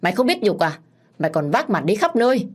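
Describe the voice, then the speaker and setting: A woman reading a story, voicing a spiteful elderly female noodle-seller who scolds in a shrill, scornful manner. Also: big pitch swings, fast talker, husky. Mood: berating.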